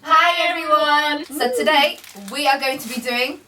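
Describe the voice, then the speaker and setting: A woman's voice: sits high, moderate pace, pushed and bright. A young woman hosting a casual challenge vlog, chatting informally with friends. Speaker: vlog host. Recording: noisy, far from the mic.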